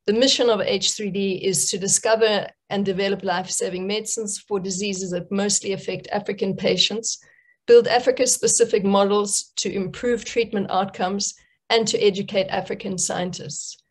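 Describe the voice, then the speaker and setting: A middle-aged woman moderating an online panel from a room at home over a video call, halting with fillers and repeated words. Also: mid-range voice, fairly even intonation. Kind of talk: hosting a live online panel.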